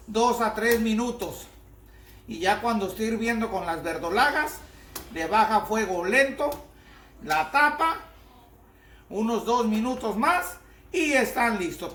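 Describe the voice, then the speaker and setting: A man with a fairly high, slightly bright voice gives a folksy cooking demonstration at the stove in his home kitchen, coaxing the viewer along step by step. The kitchen echoes, and frying sizzles in the background.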